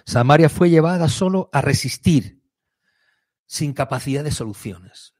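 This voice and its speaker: A man delivers a fiery sermon. His voice sits a little high and sounds husky, and he keeps swelling into emphatic, near-shouted peaks. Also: expressive, a little slow. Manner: impassioned, rises to high emphatic outbursts. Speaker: preacher.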